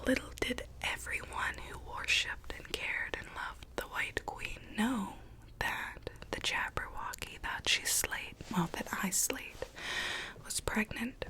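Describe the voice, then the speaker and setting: A woman playing a weary, gently coaxing Alice from Wonderland in a soft, breathy ASMR roleplay whisper. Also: mid-range voice, poor audio. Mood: weary, confiding. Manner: slow, hushed, repeats words soothingly.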